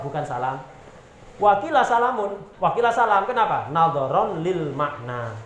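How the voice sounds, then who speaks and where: A man's voice: sits high, fairly bright tone, reverberant, slight background noise. A man with a Javanese accent teaching a religious text, reading Arabic terms aloud, explaining them and throwing questions at his students. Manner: reads Arabic terms then explains them, asks rhetorical questions, jokes. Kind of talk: pesantren kitab lesson.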